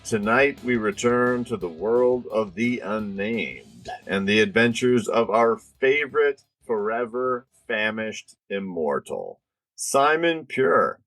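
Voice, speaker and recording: A man with a fairly low voice hosts a podcast casually. The sound is dry, with no room around it. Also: lively intonation, slow pace, a bit bright, dry recording, soft background music. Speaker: podcast host.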